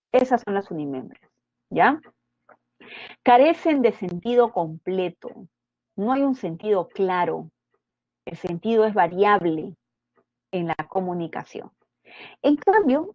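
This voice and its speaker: Slow, patient woman teaching grammar. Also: medium pitch, dry recording, dull audio. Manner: explanatory, constant tag questions. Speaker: language teacher. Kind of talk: pre-university grammar lecture.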